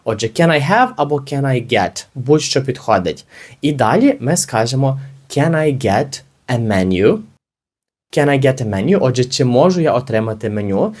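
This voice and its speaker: Lively man teaching slow phrases. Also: mid-range voice. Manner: slow, careful model phrases between lively explanations. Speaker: English teacher. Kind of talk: language lesson, teaching.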